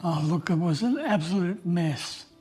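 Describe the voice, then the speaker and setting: An older man from Australia, a Salvation Army officer, telling his life story in an interview in a halting, candid way. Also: sits high, lively intonation, a little mellow, husky, faint music behind.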